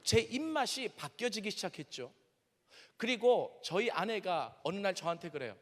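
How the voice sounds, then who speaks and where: A Korean pastor in his fifties from Seoul preaches in an animated, conversational way, telling personal stories and speaking straight to his audience. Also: sits high, normal speed. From Seoul, South Korea. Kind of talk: sermon lecture with personal stories. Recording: long reverb of a large hall.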